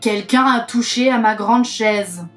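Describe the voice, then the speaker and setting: A woman voicing a big father bear who grumbles in a lowered, growling voice in a storybook reading. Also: unhurried, fairly bright tone, soft background music. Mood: grumbling.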